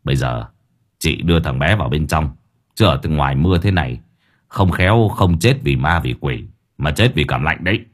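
A man voicing a foul-mouthed older male exorcist who barks orders gruffly. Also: a bass voice, lively intonation, normal speed, pitched below the performer's own voice, full character voice. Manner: gruff, cursing, bossy.

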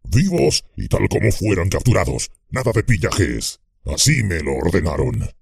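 A man growling as a hoarse, domineering orc captain. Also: sits low, big pitch swings, moderate pace, darkish tone, no room sound, clean studio sound, exaggerated voice. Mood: commanding. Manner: commanding, blunt. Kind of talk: audiobook character voice.

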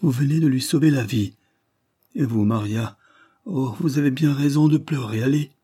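A man's voice: mid-range voice, moderate pace, dark tone, breathy edge, no room sound, studio quality, pitched above the performer's own voice, close to an everyday voice. A man reading the lines of a composed, level-headed female relative in a classic novel audiobook. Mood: grateful. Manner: composed, firm.

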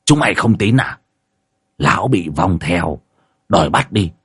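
A gruff old sorcerer, as a man puts him on for an audio ghost story, scolding in a low, husky voice. He fires off reproachful questions. The sound is dry and close. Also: animated, unhurried, no room sound, heavily acted.

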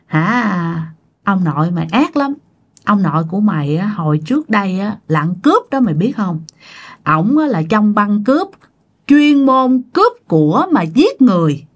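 A woman voicing a gossipy old village woman, speaking low and hushed.

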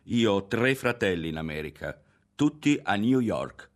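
A man reading aloud voicing an aloof, boastful older boy who talks in a slow, dismissive way in an audiobook. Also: on the low side, big pitch swings.

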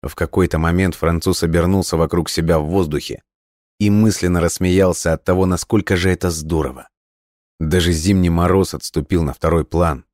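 A man narrating an audiobook in a steady storytelling read. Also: sits low, normal speed, no echo, clean studio sound.

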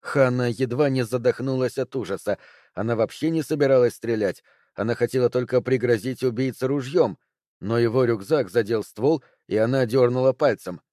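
A man's voice: medium pitch, normal speed, warm tone, dry recording, clean studio sound. Man narrating a tense thriller. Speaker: audiobook narrator.

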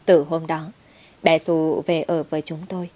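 Low-voiced woman telling a dramatic story. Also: level tone, moderate pace, dark tone. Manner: dramatic, heated when quoting herself. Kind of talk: first-person story narration.

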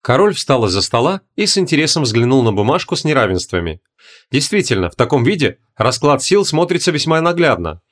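A man narrating a fantasy audiobook in an expressive, animated reading. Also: medium pitch, brisk. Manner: animated, voices characters.

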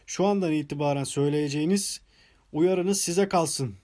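A man voicing a contemptuous middle-aged doctor who shouts his denials in an audiobook. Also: high-pitched, brisk, close to an everyday voice. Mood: furious. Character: cruel, furious middle-aged male doctor.

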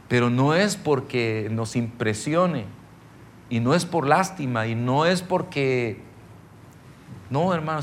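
A middle-aged pastor teaches a ministry seminar in a loose, story-driven sermon style. His voice has a gravelly edge at an ordinary male pitch, and he keeps turning to the listeners to check that they are following. Faint noise sits behind him.

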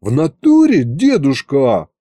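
A man's voice: medium pitch, wildly swooping pitch, takes it slowly, warm tone, no room sound, clean studio sound, exaggerated voice. A man doing a slangy street-talking imp. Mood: amazed. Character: streetwise young male office imp, slangy and excitable.

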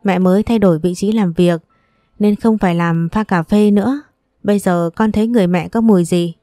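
A woman voicing a gentle young mother who talks softly and patiently to her son in an audiobook story. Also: medium pitch, fairly even intonation, fairly quick, no echo, soft background music, close to an everyday voice. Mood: tender. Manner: soft, patient and tender. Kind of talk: audiobook character dialogue.

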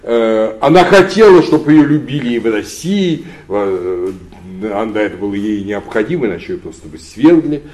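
A man giving an unscripted history lecture, often pausing with drawn-out fillers and pressing on key words with rising emphasis. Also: on the low side, expressive, a little mellow. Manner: hesitant, many drawn-out "uh" fillers, emphatic rises.

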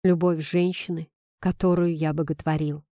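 A woman voicing a stern middle-aged father who speaks in a low, measured, weary way. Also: level tone, warm tone, no echo, studio quality. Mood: grim.

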